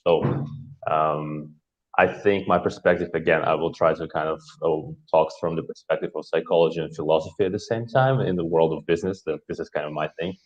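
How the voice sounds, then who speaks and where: A guest speaker from Kazakhstan, a native Russian speaker, talks casually on a video call, musing philosophically with hesitation and plenty of fillers. His voice is extremely low, steady in tone, and fairly quick, heard through dull lo-fi call audio.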